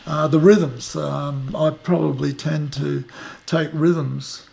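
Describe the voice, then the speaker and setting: Gravelly aussie guy in his 50s, bit high for a man, slow and thoughtful, lots of ums. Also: fairly even intonation, a little mellow. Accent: Australian. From Australia. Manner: unhurried, reflective, trails off in fillers. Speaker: musician interviewee. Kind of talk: casual interview. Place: outdoors at the back of a house, rainy day.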